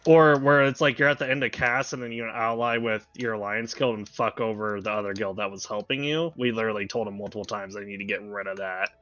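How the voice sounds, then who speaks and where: A man's voice: fairly low pitch, steady tone, quick pace, hardly any pauses, a bit bright, highs cut off. A man on voice chat, talking bluntly and swearing as he complains about game rules. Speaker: guest co-player. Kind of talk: casual gaming chat.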